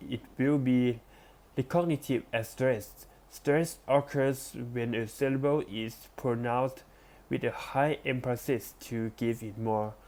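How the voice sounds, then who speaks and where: Slow, deliberate man reading a lecture. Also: medium pitch, darkish tone. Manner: careful, deliberate reading with small restarts. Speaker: presenter. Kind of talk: reading an academic text aloud.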